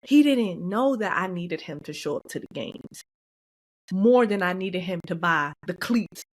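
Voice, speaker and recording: An animated woman co-hosting a podcast, speaking. She talks in a casual, heartfelt way and slips into voices to act out the people she quotes. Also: on the low side, measured pace. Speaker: podcast co-host.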